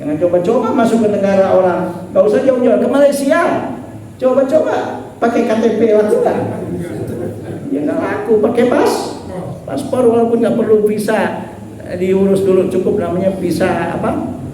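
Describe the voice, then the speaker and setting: A man's voice: high voice, normal speed, long pauses, background noise. A man teaching a mosque study class, telling jokey stories and asking the congregation rhetorical questions. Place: mosque prayer hall. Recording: echoey mosque hall from far off.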